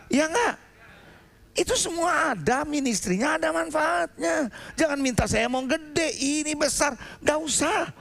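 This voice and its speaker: Male pastor, high and lively voice, sermon with loud bursts. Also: vocal fry. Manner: animated storytelling with sudden loud outbursts. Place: church sanctuary.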